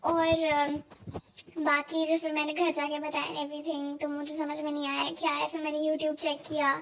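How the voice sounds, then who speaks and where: Very high-voiced chatty young woman. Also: monotone, moderate pace, slight background noise. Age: young adult. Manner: chatty, mixes English into her talk, self-mocking. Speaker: vlogger. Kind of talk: casual chat.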